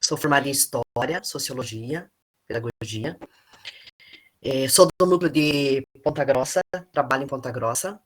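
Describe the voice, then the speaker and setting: A woman with a Brazilian Portuguese accent introducing herself as a teacher on a call, calm and reflective. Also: a bass voice, moderate pace. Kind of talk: online class introduction.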